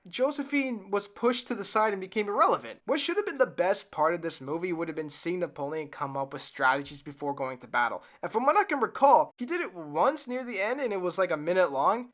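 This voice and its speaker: A film reviewer giving a comedic, sarcastic review with frequent laughs. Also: mid-range voice. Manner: sarcastic, animated, laughs often.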